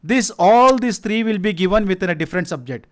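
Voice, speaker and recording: Male presenter, Kannada-accented Indian English, high voice, halting delivery, frequent self-corrections, informal public talk. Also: lively intonation. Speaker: science organisation representative presenting its activities.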